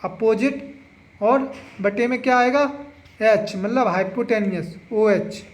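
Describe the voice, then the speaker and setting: High-voiced man drilling exam answers. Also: slow. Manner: drills answers, repeats "है ना?" and urges memorizing. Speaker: exam-prep teacher. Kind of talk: exam revision lesson.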